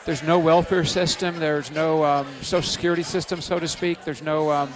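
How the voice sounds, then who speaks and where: A man co-hosting an interview, asking quick, inquisitive follow-up questions. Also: fairly high pitch, steady tone, crowd noise. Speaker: co-host. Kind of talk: interview chat. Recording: music playing underneath.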